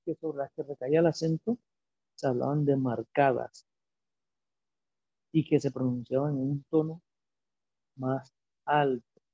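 A man teaching a lecture, speaking slowly and deliberately and asking himself rhetorical questions as he explains. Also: mid-range voice, fairly even intonation, slightly rough, no echo. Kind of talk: lecture on biblical poetry. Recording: dull lo-fi recording.

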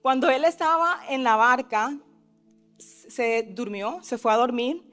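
A woman's voice: high voice, fairly bright tone. A woman preaching a sermon who keeps asking her listeners questions and acts out the cries in the story. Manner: asks the listeners frequent questions, adds tag questions; acts out the disciples' cries with rising force.

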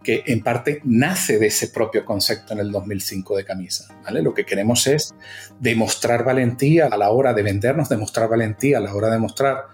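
A man's voice: fairly low pitch, brisk, soft background music. A middle-aged man from Venezuela with a mixed Venezuelan and Canarian accent, talking enthusiastically as an interview guest and often adding tag questions. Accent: mixed Venezuelan and Canarian Spanish. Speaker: guest, agency founder. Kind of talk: casual interview.

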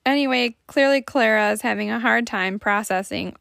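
A woman's voice: a little high, normal speed, creaky, a bit bright, dry recording, studio quality. A young woman with a Michigan accent, casually telling a story on a podcast with lots of fillers. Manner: chatty, lots of fillers and laughs. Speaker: podcast co-host.

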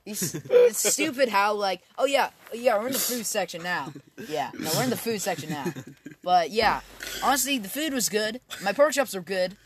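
A man's voice: high voice, sing-song, moderate pace, slight background noise. A teenage boy co-hosting a podcast outdoors, ranting in a rambling, stammering way full of restarts. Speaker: podcast co-host. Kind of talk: casual chat among friends. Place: outdoors on a backyard trampoline.

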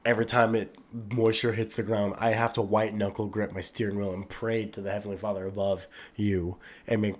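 A man's voice: lowish voice, little pitch movement, fairly quick, few pauses. A man hosting a casual chat, laid-back and playful, laughing often. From Utah. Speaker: podcast host.

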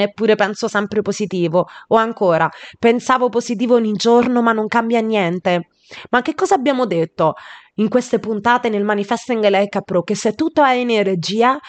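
A woman's voice: medium pitch, no room sound. A woman hosting a podcast, coaching her listeners in an earnest monologue. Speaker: podcast host.

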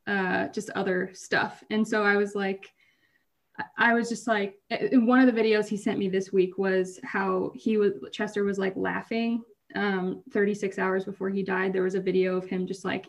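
A woman's voice: mid-range voice, little pitch movement, moderate pace, creaky. A woman co-hosting a podcast, talking casually in a rambling way, often cutting herself off and laughing through hard stories. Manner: rambling, self-interrupting, laughs while telling hard stories. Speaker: podcast co-host.

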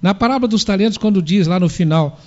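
High-voiced man lecturing. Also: fast, darkish tone. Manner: rhetorical questions, answers them himself. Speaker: spiritual lecturer. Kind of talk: spiritist sermon lecture. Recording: dull lo-fi recording.

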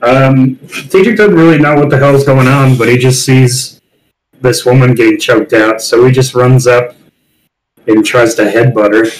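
A man's voice: mid-range voice, moderate pace, slight background noise, rough recording. A man playing a tabletop game, describing what his characters do and laughing along. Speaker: player. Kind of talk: casual tabletop play.

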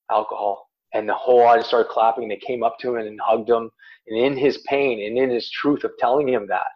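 A man's voice: medium pitch, slightly rough, muffled recording. A man speaking as a life coach in a podcast chat, emphatic and repeating words as he makes his points. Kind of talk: podcast guest talk.

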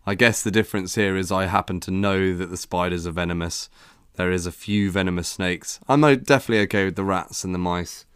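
A man's voice: low voice, fairly quick, hardly any pauses, fairly bright tone, clear, resonant tone, no echo, studio quality. A man co-hosting a podcast, chatting casually in a rambling, hesitant way with many restarts. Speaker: podcast co-host. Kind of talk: casual chat.

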